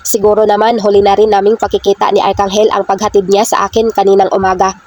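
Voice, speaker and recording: A woman narrating a first-person romance novel as a reader, reading in a flat, steady way. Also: medium pitch, quick pace. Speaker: audiobook reader. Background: faint background music.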